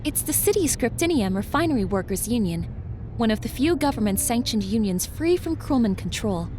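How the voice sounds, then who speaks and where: Woman playing worried posh wife in noir audio drama, high swoopy voice, earnest n formal, noisy background. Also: big pitch swings, fairly quick. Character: anxious, proper, well-off wife of missing husband. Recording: clearly noisy background ambience.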